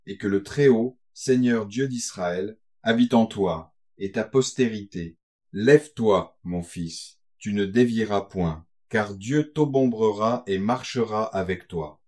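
A man's voice: lowish voice, a little mellow. A man doing a solemn old patriarch. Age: older. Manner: solemn, blessing, grave.

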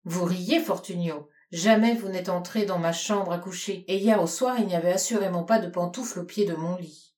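A woman's voice: on the low side, steady tone, moderate pace, few pauses, darkish tone, natural voice. Woman doing a bold, demanding society lady. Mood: insistent. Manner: exclamatory, insistent.

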